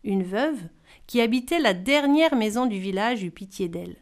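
Woman storyteller, fairy-tale reading. Smooth, resonant, somewhat high, expressive. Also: normal speed.

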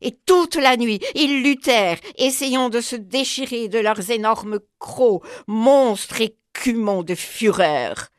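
A woman's voice: takes it slowly, hardly any pauses, no room sound. A woman storyteller reading a children's storybook aloud, narrating expressively. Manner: expressive, with sweeping pitch.

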